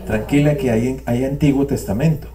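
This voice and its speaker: Far from the mic, with a crowd audible behind him, an older man speaks at normal speed in a mid-range voice. He is sharing a reflective, repetitive testimony with wry digressions to a live audience in a meeting room at a spiritual community gathering.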